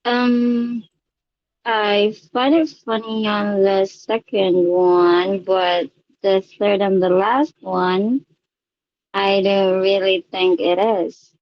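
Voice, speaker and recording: A woman's voice: medium pitch, fairly even intonation, drawn-out words, no echo, highs cut off. A woman from the Philippines answering interview questions, hesitant and thinking aloud with fillers.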